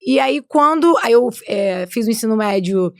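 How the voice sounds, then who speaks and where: A woman's voice: a little high, animated, normal speed, no room sound, clean studio sound. A woman, chatting as a guest on a podcast, tagging her sentences with "né?". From Rio de Janeiro state, Brazil. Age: 20s. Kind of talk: casual podcast conversation.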